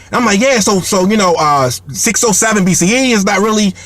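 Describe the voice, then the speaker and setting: A man's voice: high voice, a little fast. A man telling a comic story in a rambling way, full of fillers and repeated words, laughing as he goes. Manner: animated, laughs between lines.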